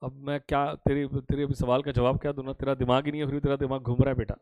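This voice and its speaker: A man from India teaching an accounting lecture live, teasing students and repeating questions to urge quick answers. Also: medium pitch, little pitch movement, a little mellow, no room sound, poor audio. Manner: mixes Hindi with English accounting terms. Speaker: commerce teacher.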